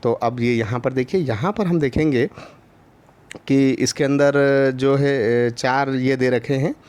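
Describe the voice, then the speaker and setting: A man teaching a Hindi lesson online to young children, patiently repeating each syllable, with many drawn-out filler pauses. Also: mid-range voice, a little mellow. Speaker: primary school teacher.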